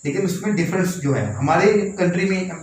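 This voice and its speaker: A man's voice: high voice, animated, fairly quick. A man explaining English spelling and pronunciation to learners, spelling words out letter by letter and repeating his points. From Pakistan. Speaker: English teacher. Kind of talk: classroom-style explanation. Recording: echoey room, faint background noise.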